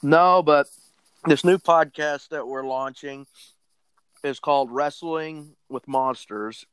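A man's voice: a little high, slow pace, fairly bright tone, smooth, no room sound, rough recording. A man chatting casually on a group call, rambling with many fillers and restarts. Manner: rambling, filler-heavy, self-correcting. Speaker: podcast co-host guest.

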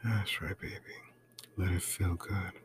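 A man doing an intimate ASMR role-play right in your ear, breathy and coaxing, close to the mic. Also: steady tone, measured pace, noisy background. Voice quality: breathy, mostly soft-spoken low voice.

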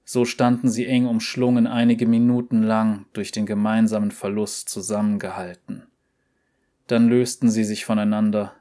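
Low-voiced male audiobook narrator. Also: little pitch movement, moderate pace, dark tone.

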